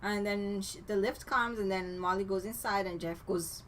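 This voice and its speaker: A woman's voice: medium pitch, steady tone, moderate pace, fairly bright tone, a little hiss or hum. A woman co-hosting a podcast, casually retelling a movie plot and chaining events with "and then.". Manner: chatty storytelling, strings clauses with "and then". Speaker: podcast co-host. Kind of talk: casual movie recap chat.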